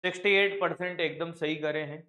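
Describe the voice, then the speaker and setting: A man teaching a live online practice class, scolding and coaxing his students in a brisk, familiar way. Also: fairly high pitch, fairly even intonation, pushed and bright.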